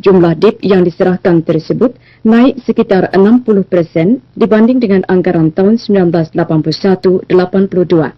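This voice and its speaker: A woman newsreader delivering a formal television news bulletin in a measured, even manner, heard as old 1980s broadcast sound. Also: fairly low pitch, no room sound. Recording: dull, lo-fi, dry archive broadcast audio.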